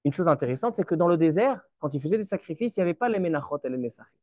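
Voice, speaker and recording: A man's voice: a little high, expressive, very fast, a little mellow, no room sound, clean studio sound. A man, a rabbi giving a Torah lesson, who explains step by step, asks and answers his own questions, and mixes Hebrew terms into his talk. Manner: repeats words while searching for them.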